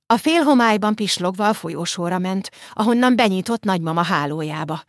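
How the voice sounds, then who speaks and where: A woman narrates an audiobook from a script, telling the story in a calm, measured way. Her pitch is medium, and the recording is dry and studio quality.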